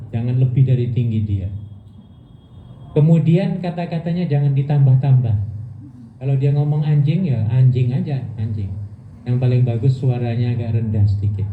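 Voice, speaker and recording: A man's voice: mid-range voice, a little hiss or hum. Man, religious teacher, playful, quizzes the audience, echoey hall, tinny phone-like audio. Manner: playful, questions the audience and has them answer; laughs often, acts out insults. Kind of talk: religious study lecture to a women's group. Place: mosque hall.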